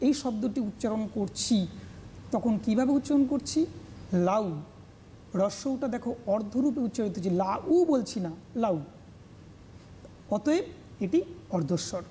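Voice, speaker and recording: A Bengali-accented woman teaching grammar on a TV lesson, slowly repeating words to drill their pronunciation. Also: a little high, dark tone, slight background noise. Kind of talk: televised classroom lesson.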